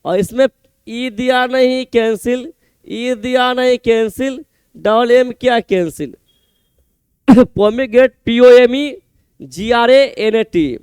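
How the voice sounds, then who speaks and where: A man's voice: very high-pitched, slow pace, long pauses, a little mellow, clean tone, dry recording. A man teaching an exam-prep spelling lesson, spelling words letter by letter and repeating each answer.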